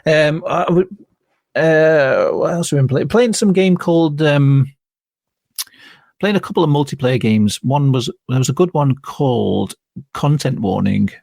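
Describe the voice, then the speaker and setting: An easygoing male podcast guest chats casually and pauses often on fillers. His mid-pitched voice has a gravelly fry to it. The sound is dry and close. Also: expressive, a little mellow, no room sound. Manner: chatty, easygoing, with hesitant fillers. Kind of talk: casual chat.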